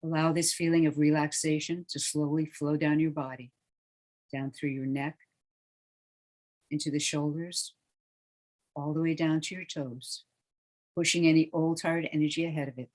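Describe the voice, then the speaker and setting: Guiding listeners down into deep relaxation, a calm meditation voice at an everyday middle pitch speaks slowly and softly. It soothes in a hush, with each phrase dwindling to near silence.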